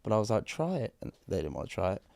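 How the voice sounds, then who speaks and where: Hoarse guy co-hosting a podcast, lowish mellow voice, dry close mic, rambles a bit. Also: animated, racing, dry recording. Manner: rambling, self-deprecating storytelling. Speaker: podcast co-host. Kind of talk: casual chat.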